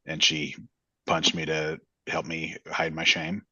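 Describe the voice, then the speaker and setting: A man's voice: extremely low pitch, completely flat delivery, takes it slowly, pushed and bright, no echo. A man chatting casually as a player in a tabletop game. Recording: dull, lo-fi voice track.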